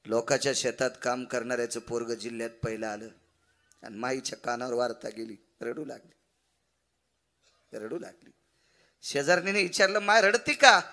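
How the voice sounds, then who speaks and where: A man performing as a kirtankar, preaching a devotional kirtan sermon and swinging dramatically between loud and hushed delivery. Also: medium pitch, vocal fry.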